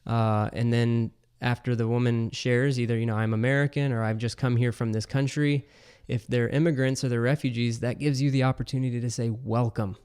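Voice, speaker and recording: A man's voice: medium pitch, flat delivery, a little fast, few pauses, a little mellow, clear, resonant tone. A man hosting a podcast, talking through a topic in a casual, explanatory way with frequent fillers.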